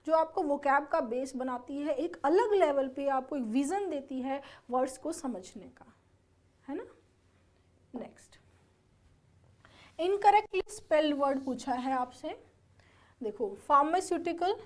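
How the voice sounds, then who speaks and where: A woman's voice: sits high, darkish tone. A woman giving an exam-prep lesson, explaining words step by step and often checking whether her students follow. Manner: spells words out letter by letter. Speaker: English teacher for exam preparation.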